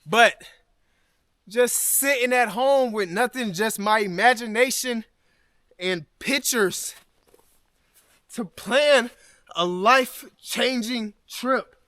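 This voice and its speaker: A man's voice: very high voice, takes it slowly, pauses often, bright, forceful tone, no room sound, studio quality. A man from Alabama, vlogging a solo hike outdoors in the snowy mountains, emotional and thankful as he talks to his viewers. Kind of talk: solo hiking vlog.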